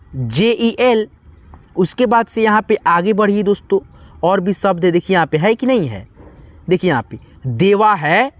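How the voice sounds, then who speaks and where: A man's voice: high-pitched, dry recording. A man teaching an English spelling lesson, spelling each word out letter by letter and checking in with his viewers again and again. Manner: slowly spells out letters, often adds "theek hai" to check in; addresses viewers as friends, patient and repetitive.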